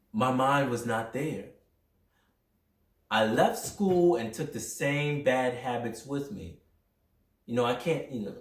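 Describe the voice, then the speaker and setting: A young man hosting a podcast, talking through a personal motivational monologue in an energetic, rambling, self-reflective way. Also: mid-range voice. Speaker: podcast host. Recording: roomy echo, mic at a distance.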